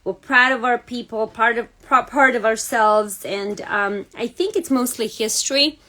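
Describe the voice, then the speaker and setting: A woman from Serbia with a Serbian accent hosts a relaxed card-making livestream, speaking unhurriedly in a slightly high voice. She is chatty, greets viewers by name, and fills pauses with frequent ums and uhs. Her casual crafting chat is recorded on a phone or camera on the livestream.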